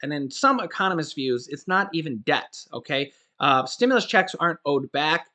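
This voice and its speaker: A fortyish finance YouTuber talks through the latest finance news in a casual, emphatic way, with a voice on the high side that's animated and sharp-toned at a moderate pace. He keeps asking "okay?" to stress his points and often stops to restart or fix what he said.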